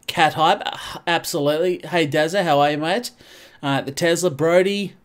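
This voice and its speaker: Streaming a racing game, a man commentates casually, rambling along and greeting his viewers. He is congested and sounds nasal, with a slightly high voice at a moderate pace.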